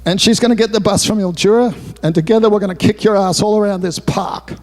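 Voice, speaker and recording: A man voicing a rough homeless man who swears, threatens and scolds a friend out of rough affection, in a roomy hall. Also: sits high, fast talker, voice pushed up, close to an everyday voice. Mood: scolding.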